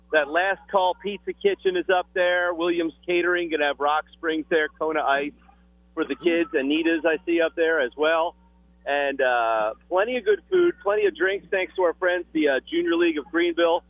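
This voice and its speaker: A radio morning show host phoning in from an outdoor concert, chatting in an upbeat, joking way over a phone line that cuts out. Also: male voice, on the high side, no echo. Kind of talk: casual on-air chat. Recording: dry, tinny phone line.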